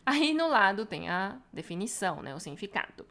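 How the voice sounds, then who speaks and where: Brazilian woman walking thru a website for her students, chatty, keeps asking "right?", mid pitch voice. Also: sing-song, a little fast, vocal fry, sharp tone. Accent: Brazilian Portuguese. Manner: chatty, frequent tag questions. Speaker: Mandarin teacher. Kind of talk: casual screen-share tutorial.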